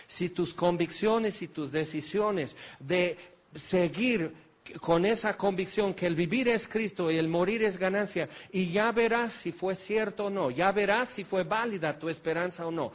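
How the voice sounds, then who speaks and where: A man's voice: sits high, measured pace. A man preaching a sermon, folksy and self-deprecating, hammering home points with repeated questions. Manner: rhetorical, repetitive questioning.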